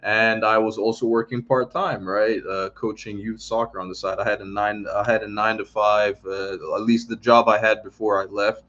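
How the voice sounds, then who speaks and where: A man's voice: fairly low pitch, level tone, normal speed, hardly any pauses, fairly bright tone. A man who grew up in Italy, chatting casually on a live stream, rambling and tagging "right?" onto his points. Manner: rambling, frequent "right?" tags. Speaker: online business coach. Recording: dull lo-fi sound.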